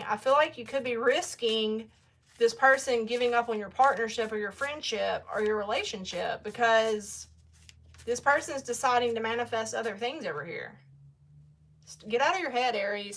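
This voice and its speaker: A woman's voice: medium pitch, fairly bright tone. A young woman giving a casual tarot reading, chatty and blunt, talking straight to her viewers. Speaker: tarot reader.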